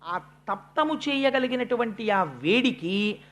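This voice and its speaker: A man's voice: very high-pitched, lively intonation. An older man giving a devotional sermon, telling the story expressively, acting out quoted lines and dragging out words for emphasis. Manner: acts out quoted lines, swings between soft and loud; drawn-out stresses and slow emphatic phrases. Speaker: religious discourse speaker.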